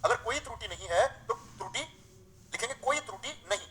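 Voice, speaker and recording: A man teaching a live online grammar class. He keeps asking his students rhetorical questions, reads example sentences aloud slowly before correcting them, and calls the students dear friends. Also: sits high, lively intonation, bright, forceful tone, slight background noise, rough recording.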